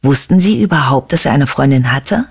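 A man's voice: mid-range voice, expressive, a little fast, vocal fry, breathy edge. A reader voicing an insistent, agitated male detective who keeps pressing with questions, in an audiobook. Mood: probing.

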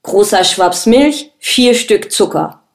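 A man's voice: sits high, lively intonation, slow pace, gravelly, heavily acted. A woman voicing an exhausted, grumpy policeman who makes cranky demands. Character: exhausted, grumpy male cop.

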